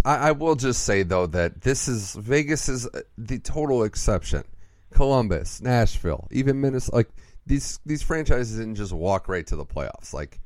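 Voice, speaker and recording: A man hosting a hockey podcast, giving lively, opinionated takes in casual chat. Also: lowish voice, no room sound.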